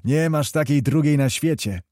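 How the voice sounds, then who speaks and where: A man voicing a boisterous, hot-tempered young nobleman who shouts and swears. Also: on the high side, normal speed, no room sound, clean studio sound, pitched above the performer's own voice, close to an everyday voice. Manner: loud exclamations, swearing oaths.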